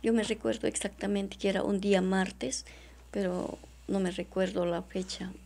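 Distressed woman with a gravelly voice. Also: medium pitch, fairly even intonation, darkish tone. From Peru. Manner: halting and repetitive, often addressing the interviewer as doctora. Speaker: witness. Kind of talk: emotional testimony in an interview.

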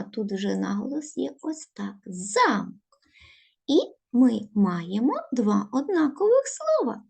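Slow, lively-voiced woman teacher. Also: fairly high pitch, gravelly, slightly rough. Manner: slow, deliberate instructions to children, stressing each word. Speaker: primary school teacher. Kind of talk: recorded video lesson for young pupils.

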